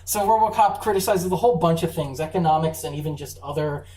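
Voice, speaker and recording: A convention panel presenter giving a casual, chatty talk on film, full of fillers and quick laughs. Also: medium pitch, mellow. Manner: enthusiastic, chatty, laughs often, many fillers. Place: university convention room. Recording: echoey room, far mic, faint hum.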